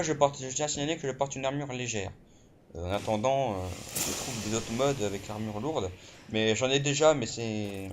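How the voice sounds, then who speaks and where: A man giving casual let's play commentary while he plays, excitable, full of fillers and swearing. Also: mid-range voice. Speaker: gamer. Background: game music.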